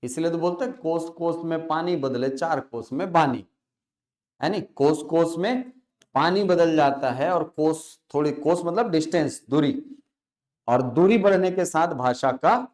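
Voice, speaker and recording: A man teaching a classroom lecture. He asks questions, answers them himself, and repeats key words slowly to stress them. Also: on the high side.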